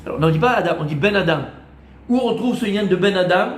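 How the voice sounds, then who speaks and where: A man, a rabbi, giving a lively Torah class to a small group, teasing and quizzing them as he goes. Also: sits high, racing, slight background noise. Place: room with a small group of students. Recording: echoey room.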